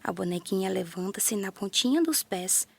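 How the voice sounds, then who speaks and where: A woman with a Brazilian Portuguese accent narrating a children's story in a gentle, playful way, with little sound effects. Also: mid-range voice, lively intonation, normal speed, creaky.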